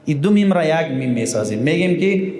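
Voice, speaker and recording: A man teaching Quran recitation, explaining rules and chanting verses slowly. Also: on the high side, lively intonation, a little mellow. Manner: explains slowly, then chants verses in long drawn-out tones. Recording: echoey room with long reverb.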